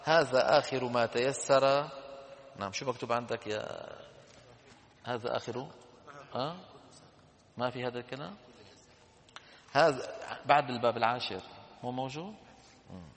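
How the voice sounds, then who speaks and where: A man reading a classical text aloud to a class, slowly dictating corrections and quizzing his students. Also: medium pitch, fairly bright tone, in a large hall. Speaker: teacher.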